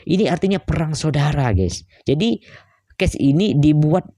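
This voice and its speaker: A man's voice: a little high, animated, normal speed, mellow, no room sound, studio quality. A man hosting a reaction video, chatting casually, peppering every thought with "guys, ya" and hesitant fillers. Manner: keeps adding "guys, ya" tags and fillers; musing, hesitant.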